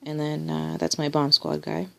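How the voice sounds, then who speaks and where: Gravelly-voiced woman showing her collection. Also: sits low, completely flat delivery, moderate pace, sharp tone. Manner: rambling, many ums and restarts. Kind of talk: casual show-and-tell video.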